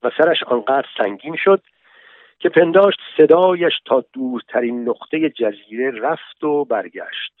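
A man reading a literary story aloud at a measured, unhurried pace, his mid-range voice flattened into a thin, phone-like band as if over an old radio. The sound is dry and close, with no room echo around it. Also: medium pitch. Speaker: narrator. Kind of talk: literary audiobook narration. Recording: tinny, dry radio broadcast.

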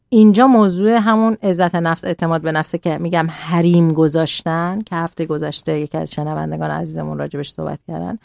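A woman talking calmly as a radio guest, explaining parenting and boundaries in a measured way. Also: fairly low pitch, gravelly, dry recording, studio quality.

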